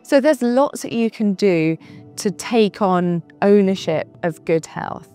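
A woman's voice: mid-range voice, animated, slow pace, clean tone. A female doctor in her forties giving advice in an interview, earnest and reassuring. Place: bright office with large windows. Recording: soft music underneath.

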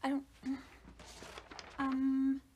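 An actress playing a breezy, scatterbrained young adult daughter with a drawn-out way of talking in a sitcom. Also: female voice, high voice, completely flat delivery, a little mellow, a little hiss or hum. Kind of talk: sitcom acting.

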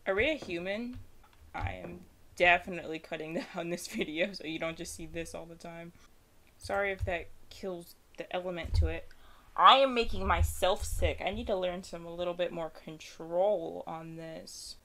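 A woman's voice: fairly low pitch, normal speed, fairly bright tone. A young woman giving casual, self-deprecating commentary while playing a game, chatty and nervous. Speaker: gaming streamer. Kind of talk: casual let's-play commentary.

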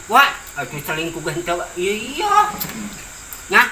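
A cheeky young village lad bantering in a puppet comedy, as a man puts him on. The tone is very bright and sharp, with quick teasing replies. It sounds like an echoey room with faint ambience behind. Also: high voice, big pitch swings, a little hiss or hum, full character voice. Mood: joking. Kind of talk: Sundanese puppet-show comedy.

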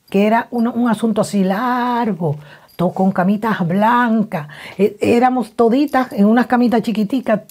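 A woman psychologist giving advice, telling personal stories in an animated, emotional way with frequent restarts. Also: medium pitch. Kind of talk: personal storytelling advice talk.

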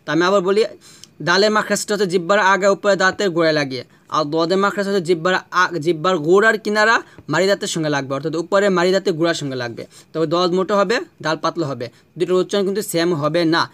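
A man's voice: sits high, racing, a bit bright, clear, resonant tone. A Bangladeshi Bengali-accented man teaching Quran pronunciation, patiently repeating letter sounds and asking rhetorical questions. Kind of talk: classroom lesson.

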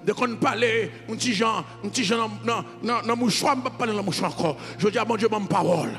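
A man's voice: high-pitched, fast talker, fairly bright tone. A man with a Haitian accent, a pastor preaching a fervent, sing-song sermon. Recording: reverberant hall with music behind.

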